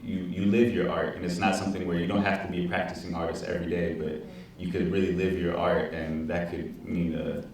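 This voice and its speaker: Young male panelist, very low flat voice, earnest, distant echoey hall sound. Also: brisk, few pauses. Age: 20s. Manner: earnest, reflective, repeats words while thinking. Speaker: panelist, teaching artist. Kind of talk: panel discussion. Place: large auditorium stage. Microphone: handheld mic.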